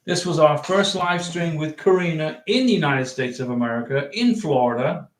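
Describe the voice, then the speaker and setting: A man with a somewhat high voice hosts a casual livestream Q&A, reading out viewer questions and answering in a loose, rambling way. The sound is echoey, like a bare room at home. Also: normal speed. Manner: chatty, rambling, reads viewer questions aloud. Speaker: livestream host giving immigration advice.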